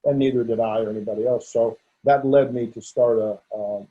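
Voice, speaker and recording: In a conversational interview, a veterinarian guest in his sixties speaks fairly quickly with a mellow, medium pitch and fairly even intonation. His open talk is punctuated by stuttering, repetitions, and restarts, recorded in dull lo-fi sound.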